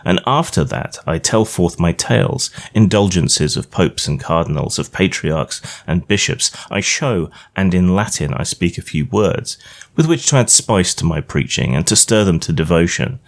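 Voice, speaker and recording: Boastful swindling medieval preacher, played by a man, low register, declaimed dramatic verse. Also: expressive, moderate pace, gravelly. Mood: boastful, sly.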